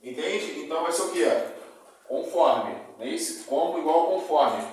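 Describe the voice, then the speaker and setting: A man's voice: a little high, animated, moderate pace, darkish tone. A man with a Brazilian Portuguese accent teaching a class, often checking in with his students and repeating examples. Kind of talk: classroom lecture. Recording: very echoey room, distant mic, faint noise.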